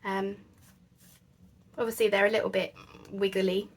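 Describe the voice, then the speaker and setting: A woman's voice: mid-range voice, flat delivery, unhurried. A woman chatting casually as she works on a craft project, thinking aloud with lots of fillers. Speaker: crafting channel host.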